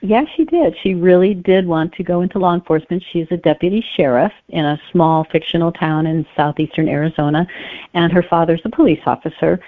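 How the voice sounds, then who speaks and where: A woman with a low-pitched voice is interviewed as a guest author, answering conversationally about her book. The line is narrow and phone-like, dry with no room sound.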